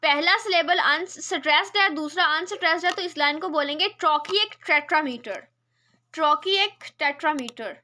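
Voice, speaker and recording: Bright high-voiced woman teaching a poem. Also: normal speed. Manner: explains step by step, checks understanding often. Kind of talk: online lesson on a poem.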